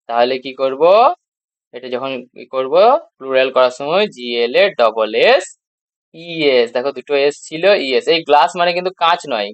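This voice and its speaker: A man with a Bengali accent teaches English grammar to beginners. He spells out letters and answers his own questions patiently. His voice sits at a middle pitch, recorded dry and close. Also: no echo. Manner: asks rhetorical questions and answers them, repeats spelled letters. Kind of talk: classroom grammar lesson.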